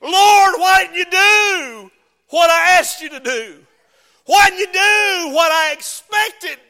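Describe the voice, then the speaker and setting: A woman's voice: extremely high pitch, slow pace, voice pushed up, heavily acted. A man voicing a grieving, impulsive woman who cries out in anger and pleading, in a hall with long reverb. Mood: upset pleading. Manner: raised, shouting outbursts.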